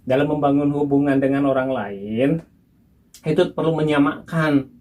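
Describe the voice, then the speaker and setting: A young man talks his wife through an idea in relaxed, everyday speech. He is patient, works through examples and chuckles as he goes. His voice sits at a middle pitch. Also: normal speed. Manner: patient, explaining with examples and laughs. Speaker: husband teaching his wife. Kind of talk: casual instructional chat.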